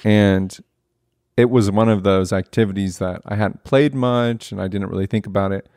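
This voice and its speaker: A young man talks earnestly and reflectively as host of a casual podcast. His voice sits on the low side, recorded dry and close. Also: fairly even intonation, normal speed, darkish tone, clear, resonant tone, dry recording. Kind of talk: casual conversational podcast talk.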